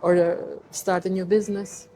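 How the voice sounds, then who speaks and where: A young woman hosting an interview, reflective and quick to laugh in casual conversation. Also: on the low side, flat delivery, poor audio. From Latvia. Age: young adult. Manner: warm, reflective, laughs easily. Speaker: host.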